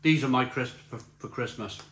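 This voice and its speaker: A middle-aged British man giving a casual, chatty crisp review while tasting and eating, repeating phrases for emphasis. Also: mid-range voice, moderate pace, a bit bright. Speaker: snack reviewer. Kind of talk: casual spoken review to camera. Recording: roomy echo, faint background noise.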